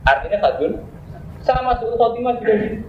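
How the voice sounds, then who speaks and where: A man with a Javanese accent giving an informal religious lecture, joking with listeners and slowing down to recite Arabic verses. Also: extremely high pitch, expressive, roomy sound, lo-fi sound, a little hiss or hum. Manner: jokey, mixing Javanese chatter with slow Arabic recitation. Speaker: Islamic cleric teaching a classical text.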